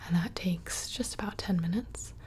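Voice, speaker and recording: A woman's voice: fairly low pitch, moderate pace, darkish tone. A young woman whispering casually and close to the microphone, rambling through questions in an ASMR video. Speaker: ASMR creator. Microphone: close studio microphone.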